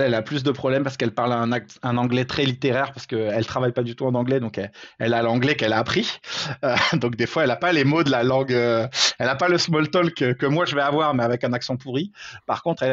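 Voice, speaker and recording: A man speaks as a guest in a casual interview, hesitating often and restarting his sentences. His voice sits at an ordinary pitch. The sound is a little dull and lo-fi, with no room echo. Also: fairly even intonation, fast. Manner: hesitant, many fillers and restarts; self-deprecating, laughs at himself. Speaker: interview guest, father in a blended family.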